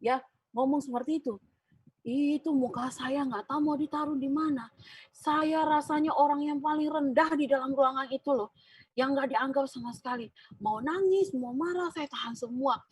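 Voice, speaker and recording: A woman's voice: high voice, moderate pace, no room sound, low-quality recording. A woman giving a sermon at a prayer fellowship, telling a personal workplace story with many fillers and acted-out dialogue. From Indonesia. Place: church fellowship room.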